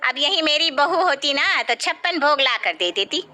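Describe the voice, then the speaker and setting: A woman's voice: sits high, animated, moderate pace, background noise. A woman voicing a nosy, taunting middle-aged neighbour woman in a cartoon story. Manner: sharp-tongued and taunting.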